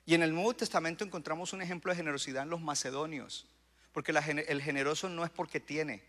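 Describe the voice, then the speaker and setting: Male pastor, sermon delivery, bright ringing tone with emphatic swells; long reverb of a church hall. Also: fairly high pitch, fairly even intonation, quick pace. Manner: preaching with rising bursts of emphasis and audience call-outs.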